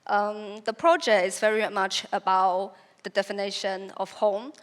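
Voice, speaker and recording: A woman's voice: medium pitch, a little slow. A young woman from China, a native Chinese speaker, giving a prepared talk about her photography in an earnest, reflective way with occasional restarts.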